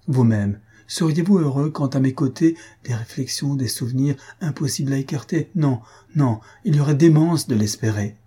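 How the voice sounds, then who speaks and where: A man's voice: medium pitch, moderate pace, few pauses, mellow, husky, pitched above the performer's own voice. A man reading an audiobook, voicing an anguished young noblewoman with a solemn, pleading manner.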